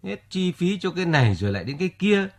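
An actor playing a stubborn, dismissive older village farmer in a radio drama. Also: male voice, high voice, big pitch swings, quick pace, exaggerated voice. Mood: reassuring. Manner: dismissive, stammering.

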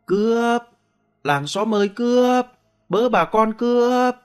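A man voicing a hoarse, desperate blind old man. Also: mid-range voice, sing-song, fast talker, soft background music. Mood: screaming. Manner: pleading then screaming for help. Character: elderly blind male lottery seller, wronged and desperate.

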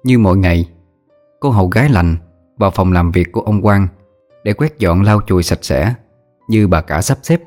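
A man narrating a scripted ghost story in a steady, even manner. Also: deep voice. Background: faint background music.

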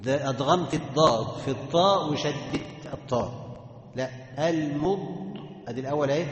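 A man's voice: fairly high pitch, slight background noise. Egyptian man teaching recitation, echoey hall. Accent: Egyptian Arabic. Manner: demonstrates sounds by chanting slowly, then explains quickly. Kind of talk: tajweed lesson to students.

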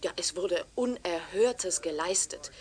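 A woman with a fairly low, animated voice speaks at a measured pace. In a radio drama she plays an eager, deferential young TV reporter, sounding courteous, persuasive, and formal, and sometimes dropping to a hush.

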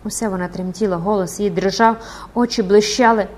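A woman narrating an audiobook of a classic novel in a dramatic, expressive manner. Her voice sits at a middling pitch, and she reads with measured drama.

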